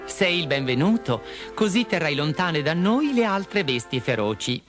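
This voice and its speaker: A man's voice: fairly high pitch, sing-song, normal speed, a bit bright, soft background music, voice pushed up. A man voicing a brave little girl in a storybook reading, raising his voice into an indignant, earnest tone. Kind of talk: storybook character voice.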